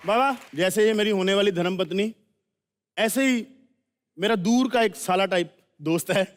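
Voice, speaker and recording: Brief: male comic, very high voice, crowd-hyping banter, hall reverb and crowd. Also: moderate pace, noisy background. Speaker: comic performer.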